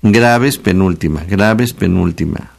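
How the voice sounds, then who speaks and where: Mexican male radio host, lowish voice, teacherly and chatty, slows down to repeat key words. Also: vocal fry. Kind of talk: casual radio talk on spelling. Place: radio studio.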